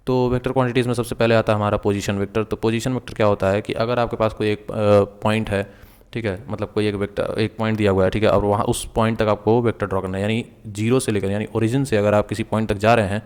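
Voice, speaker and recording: A man's voice: lowish voice, little pitch movement, fast talker, a little mellow, smooth, in a large hall. A man teaching a physics lesson online, explaining step by step, mixing English into Hindi and often checking that viewers follow. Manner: mixes English terms and sentences into Hindi. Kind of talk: online lecture.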